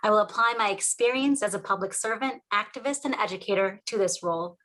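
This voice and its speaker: A woman running for office, giving a polished, steady, prepared opening statement. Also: medium pitch, fast, rough recording. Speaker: political candidate.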